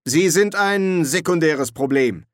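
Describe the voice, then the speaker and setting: A man doing a whiny, sharp old dean. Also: on the high side, expressive, takes it slowly, no echo, studio quality, pitched above the performer's own voice. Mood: peevish. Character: peevish older male wizard dean, sharp-tongued.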